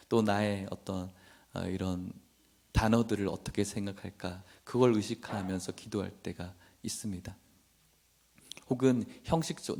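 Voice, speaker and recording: A man's voice: fairly low pitch, mellow. A male pastor preaching a sermon, at times voicing emotional, pleading prayers aloud.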